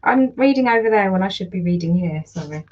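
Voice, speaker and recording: A woman with a Geordie accent, slightly croaky, chatting in a rambling casual way while she irons during a livestream at home, greeting viewers by name. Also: medium pitch, expressive, brisk, darkish tone, lo-fi sound. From North East England. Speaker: livestream host and online seller.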